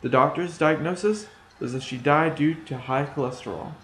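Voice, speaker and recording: A man's voice: on the high side, normal speed, fairly bright tone, a little hiss or hum. A man, a student, telling a rewritten fairy tale in a plain, slightly hesitant way. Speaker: storytelling student. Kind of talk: storytelling. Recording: echoey room.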